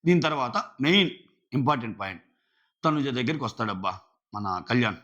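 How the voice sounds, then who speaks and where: A man talking casually while reviewing a show, animated and acting out quotes from the people he discusses. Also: mid-range voice, fairly quick, muffled recording. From India. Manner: animated, acts out quotes of others. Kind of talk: casual commentary.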